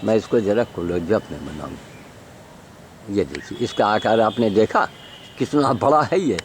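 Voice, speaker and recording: A man's voice: on the low side, lively intonation, normal speed, slight background noise. Blunt older man filming his garden. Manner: blunt, emphatic, with rhetorical tag questions. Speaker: vlogger showing his garden. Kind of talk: rambling self-filmed commentary. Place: outdoors among trees and plants. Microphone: handheld camera mic.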